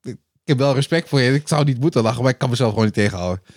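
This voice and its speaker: Man, mid pitch, dry close sound, jokey laughing chat. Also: very fast, no echo. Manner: laughing, joking, expressive reactions. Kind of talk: casual chat.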